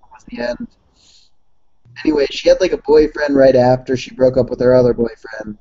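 Rambling young man with a gravelly voice. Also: medium pitch, a little fast, dry recording. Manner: rambling, animated, swearing. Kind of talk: casual chat. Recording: dull, dry lo-fi recording.

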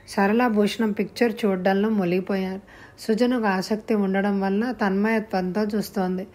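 A woman narrating a story aloud at a steady, measured pace. Her reading is calm and even. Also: mid-range voice.

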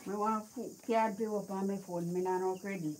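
A Jamaican woman chatting casually in short, quiet replies. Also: medium pitch, fairly even intonation, brisk, rough recording. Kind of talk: casual chat. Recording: outdoors with clear background noise.

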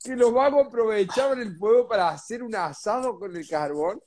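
A man's voice: sits high, normal speed, a little mellow, slight background noise. A man reacting to a comic story with disbelief and helpless laughter. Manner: incredulous, breaks into helpless laughter. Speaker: co-host interviewer. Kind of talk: comic interview banter.

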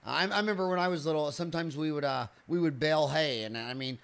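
A man's voice: fairly high pitch, quick pace, vocal fry, fairly bright tone, clear, resonant tone. A man in his fifties hosting a podcast interview, asking long, rambling conversational questions. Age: 50s. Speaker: podcast host.

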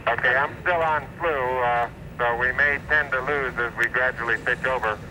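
A man's voice: mid-range voice, fairly even intonation, moderate pace, sharp tone. A man reading terse, clipped flight callouts as an astronaut, heard through a crackly space radio transmission with beeps. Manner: clipped, businesslike number readouts. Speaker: astronaut piloting the lander. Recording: noisy archival radio downlink.

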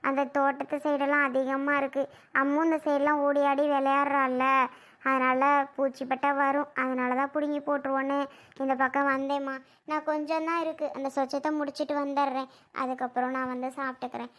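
A woman's voice: high voice, flat delivery, a little fast, a bit bright. A woman playing a worried older village mother in a family skit, talking in an emotional, pleading way. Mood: calm. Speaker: mother-in-law.

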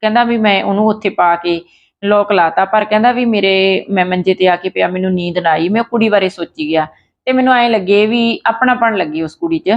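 A woman's voice: mid-range voice, fairly quick. Lady telling a true story, chatty, lots of restarts, dull lo-fi sound. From Punjab. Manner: conversational, with fillers and restarts. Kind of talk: retelling a true story in casual narration.

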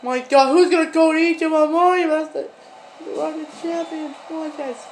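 Very high voice yelling game match calls, slow and excitable, faint noise behind. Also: rough recording. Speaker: commentator. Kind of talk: excited live play-by-play over a video game match.

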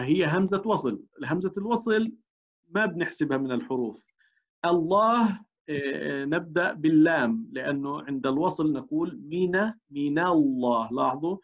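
Man teaching, dull lo-fi sound. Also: fairly high pitch. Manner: explains step by step, asks the class rhetorical checks. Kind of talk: recorded tajweed lesson.

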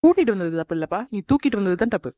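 A woman voicing a sharp-tongued, jealous young woman in a cartoon, scolding and sarcastic. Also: mid-range voice, sing-song, rapid-fire, dry recording, dull audio, lightly acted. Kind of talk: animated cartoon dub.

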